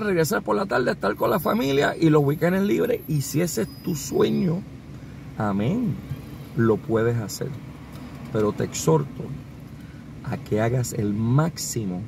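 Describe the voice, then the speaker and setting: A Puerto Rican man with a Puerto Rican Spanish accent gives casual, animated advice while driving, mixing English words into his Spanish. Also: a little high, gravelly. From Puerto Rico. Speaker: vlogger and consultant. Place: inside a car on a city street. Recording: car with road noise. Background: traffic and car noise.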